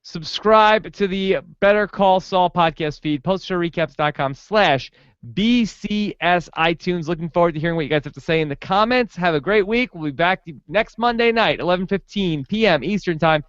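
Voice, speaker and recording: A man co-hosts a casual recap podcast in a smooth, fairly high voice. He sounds relaxed and joking as he reads out the plugs. The recording is dry and a little dull. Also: normal speed, dry recording. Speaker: podcast co-host.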